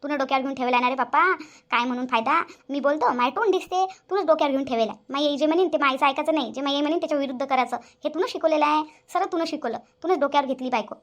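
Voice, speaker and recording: A bossy cartoon mother-in-law, voiced by a woman, nags and scolds in a high voice, her words tumbling out fast. She speaks with a sarcastic edge. The voice suits a family moral-story cartoon. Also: close to an everyday voice. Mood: complaining. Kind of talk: cartoon voice acting.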